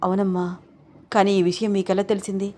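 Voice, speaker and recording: A level-headed young husband in a storybook reading, voiced by a woman narrator. He answers accusations patiently, explaining in a steady voice. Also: mid-range voice, a little fast, natural voice. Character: young husband, calm and reasoning.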